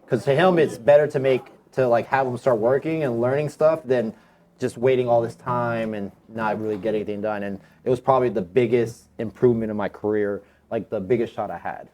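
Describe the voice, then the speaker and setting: An American tattoo artist in his thirties, appearing as a podcast guest, tells stories in a casual, slangy way with some swearing. His mid-range voice has a darkish tone, fairly even intonation and a brisk pace.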